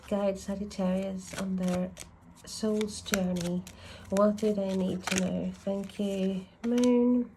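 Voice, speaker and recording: Her voice is lowish and warm, captured in a rough recording with a bit of hiss or hum. The woman, a tarot reader, offers an informal reading while nasal from a lingering cold, pondering aloud and revising her words often.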